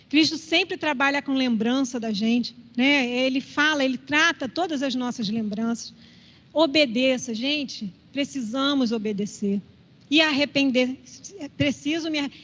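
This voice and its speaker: A woman's voice: high voice, fairly bright tone. A woman with a Brazilian Portuguese accent teaches a church Bible class in a conversational way, often checking in with her listeners. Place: church hall. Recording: reverberant hall, slightly dull sound.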